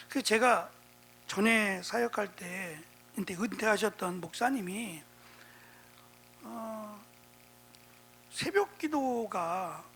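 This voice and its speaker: Male pastor, husky, conversational Bible-teaching sermon with rhetorical asides. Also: high voice, a bit bright. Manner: conversational preaching with frequent rhetorical prompts.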